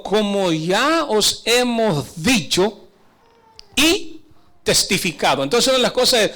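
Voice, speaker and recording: A preacher with a notably high voice delivering an emphatic sermon. He exhorts his listeners and keeps checking in with them through questions. His delivery shifts between urgent stretches and slower, quieter passages.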